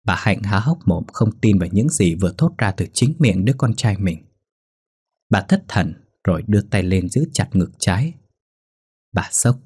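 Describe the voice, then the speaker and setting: A man narrating a ghost story in a steady, somber manner. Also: fairly low pitch, moderate pace, slightly rough.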